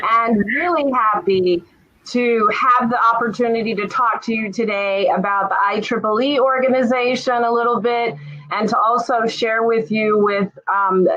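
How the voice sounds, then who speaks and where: A woman from Jamaica giving an informal, friendly presentation on a webinar, often pausing with "um". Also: mid-range voice, muffled recording. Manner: friendly, relaxed, lots of "um" fillers. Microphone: video call.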